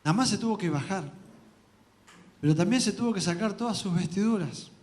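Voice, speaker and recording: A man with an Argentine accent preaching a sermon in a church, earnest and personal, giving testimony with soft laughs and restarts. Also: high-pitched, a little fast. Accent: Argentine Spanish.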